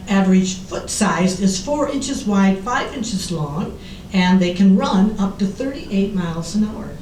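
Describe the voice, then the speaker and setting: An American woman giving a prepared presentation to an audience as a children's author. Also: darkish tone. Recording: roomy, distant mic, faint rumbling noise.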